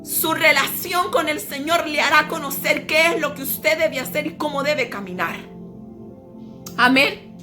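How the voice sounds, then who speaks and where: A woman's voice: high voice, measured pace, music in the background. A woman hosting an earnest, emphatic devotional sermon. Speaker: preacher host.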